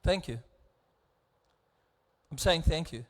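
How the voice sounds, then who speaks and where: A South African man preaching a sermon as pastor, earnest and close to tears, his delivery swinging between hushed and raised. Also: fairly high pitch, expressive, takes it slowly. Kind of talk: bilingual sermon. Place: church. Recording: echoey church hall.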